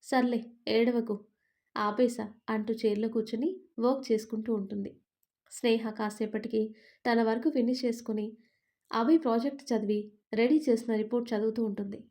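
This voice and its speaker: A woman reading a romantic story aloud as narrator, calm and even. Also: fairly high pitch, fairly quick.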